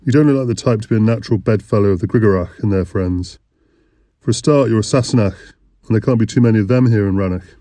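A man's voice: lowish voice, quick pace, dark tone, no echo, close to an everyday voice. Man doing an eager, blunt young traveller. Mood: curious. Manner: blunt, impatient questioning.

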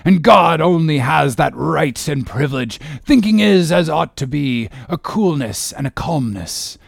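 Gravelly, obsessed old sea captain Ahab. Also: male voice, fairly high pitch, expressive, a little slow, no echo, studio quality, voice pushed up, exaggerated voice. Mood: brooding. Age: older. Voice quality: gravelly, raspy. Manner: declamatory, grandiose, archaic seafaring speech. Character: obsessed, commanding old one-legged whaling captain. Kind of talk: dramatic audiobook character reading.

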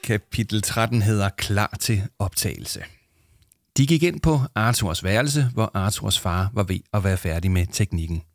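A man's voice: fairly low pitch, animated. A man reading a children's story aloud for his podcast, casual and self-deprecating between chapters. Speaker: podcast host and reader.

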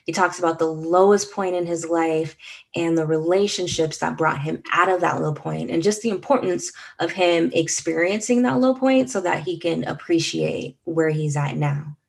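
A woman's voice: lowish voice, normal speed, gravelly, breathy edge. A woman hosting a podcast, introducing the episode and asking friendly, upbeat questions. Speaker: podcast host and interviewer. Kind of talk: podcast interview.

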